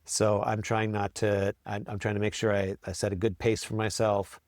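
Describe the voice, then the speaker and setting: A man's voice: lowish voice, little pitch movement, moderate pace, a little mellow, no echo, studio quality. A man who works as a school librarian, answering interview questions in a friendly way, with ums and repeated words.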